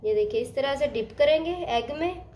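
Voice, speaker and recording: High-voiced woman calmly guiding a recipe. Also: normal speed, a little hiss or hum. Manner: calm, explains each step with "ye dekhiye". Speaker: cooking channel host. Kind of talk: step-by-step cooking instructions. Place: home kitchen.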